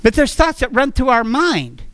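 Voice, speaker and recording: Man preaching, earnest, repeats himself, crisp tone, dry close sound. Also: very high-pitched, huge pitch swings, normal speed, a bit bright, dry recording. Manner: earnest, repeats and restarts phrases. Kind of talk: sermon. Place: church fellowship service.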